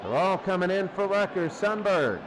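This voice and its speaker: A man with a high, sing-song voice calls live football play-by-play at a moderate pace. Loud stadium crowd noise sits behind his commentary.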